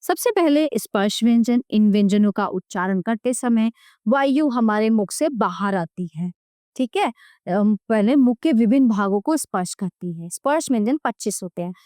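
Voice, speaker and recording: A woman's voice: on the high side, animated, dark tone, no room sound, studio quality. A woman teaching a children's grammar lesson, spelling out letters and examples one by one and often checking in with her listeners. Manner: slow, deliberate, checks in with "ठीक है?". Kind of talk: classroom lesson explaining a video book.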